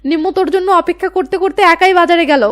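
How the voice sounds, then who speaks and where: A woman's voice: extremely high pitch, rapid-fire. A woman voicing a bossy mother who scolds her son firmly. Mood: scolding.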